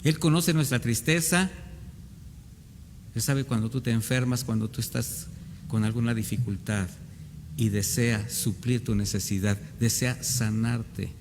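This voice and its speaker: A male pastor, delivering an earnest sermon in church and acting out the voices of doubting believers. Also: lowish voice. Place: church hall. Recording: reverberant church hall, faint background noise.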